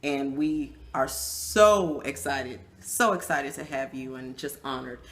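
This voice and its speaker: A woman's voice: rumbling low, takes it slowly. A woman host from Chicago, gushing and a little hesitant, repeating words as she interviews a guest. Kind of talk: casual interview.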